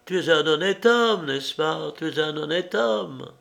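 A man reading aloud voicing a proud, scornful young woman in a storybook, in a raised, soft, breathy voice. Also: fairly high pitch, lively intonation, a little slow, pitched above the performer's own voice, exaggerated voice.

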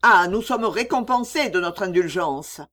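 A reader voicing a gruff, threatening old uncle who scolds harshly in a read-aloud story. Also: mid-range voice, lively intonation, slow pace, warm tone. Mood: scolding.

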